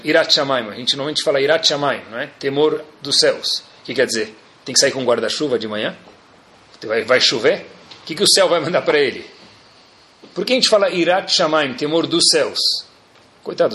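Here a man with a Brazilian Portuguese accent, a religious teacher, gives an animated Torah lesson. His pitch is slightly high, and he fills the class with humor and questions he answers himself.

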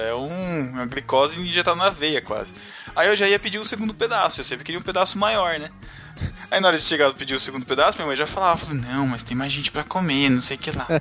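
Lively, bright-voiced man telling stories. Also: on the high side. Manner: animated storyteller, laughs often, says "cara". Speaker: podcast co-host. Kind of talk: casual chat.

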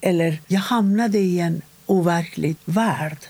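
A woman interviewee recounting a personal story in a halting, measured way, with short pauses. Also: fairly low pitch, warm tone, dry recording.

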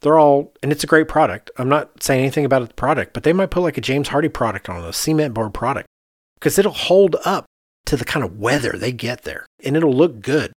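With medium pitch and lively intonation, he talks briskly through the conversation, leaning on emphasis and rhetorical questions. This architect-turned-podcast-host is captured in echo-free studio sound.

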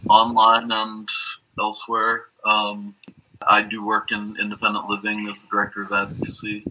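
Very bright, sharp-voiced man, halting. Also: on the low side, completely flat delivery, a little hiss or hum, poor audio. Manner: halting, repeats words. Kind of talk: casual interview answers.

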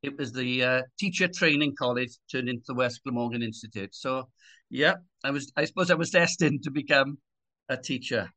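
A man's voice: mid-range voice, brisk, pushed and bright. A man in his sixties from Swansea, with a Swansea Welsh accent, giving conversational personal testimony as an interview guest. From Swansea, Wales. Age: 60s.

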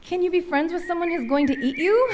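A woman's voice: very high-pitched, normal speed, darkish tone, slight background noise. A woman playing a cheerful young woman who giggles and talks playfully in a sing-song way.

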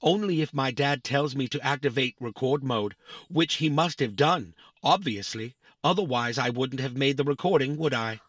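A man's voice: mid-range voice, moderate pace, a bit bright, no room sound, natural voice. A man voicing a literal-minded young boy robot in a family audio drama, stating times down to the millisecond. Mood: matter-of-fact. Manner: pedantic, counts exact milliseconds.

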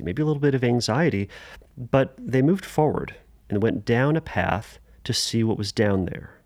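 A man hosting a solo podcast, talking casually with restarts and fillers and sudden lively jumps in pitch. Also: no room sound, clean studio sound. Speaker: podcast host.

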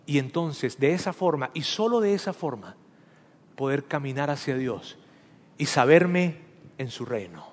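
A male pastor preaching an emphatic, animated sermon, addressing his congregation directly in a church. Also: on the high side, a little slow. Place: church sanctuary. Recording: long hall reverb.

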